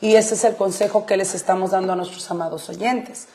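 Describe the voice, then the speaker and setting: A woman's voice: medium pitch, fairly even intonation, a little fast, warm tone. A woman co-hosting a faith-based marriage advice talk show, explaining Bible verses emphatically and repeating her points, with English fillers slipped into her speech. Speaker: radio co-host.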